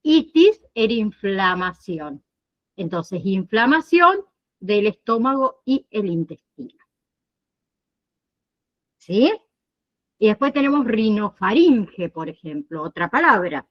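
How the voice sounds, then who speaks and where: Woman lecturing, unhurried, lots of pitch movement, checks in with students, online class. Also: big pitch swings, dull audio. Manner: explains slowly, checks understanding with frequent "¿sí?" and "¿bien?". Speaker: nursing instructor.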